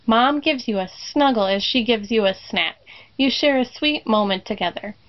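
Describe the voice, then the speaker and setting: Woman giving a slow children's reflection. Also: a little high. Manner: slow, deliberate repetition of a refrain. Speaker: congregation member giving a reflection. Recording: dull lo-fi sound.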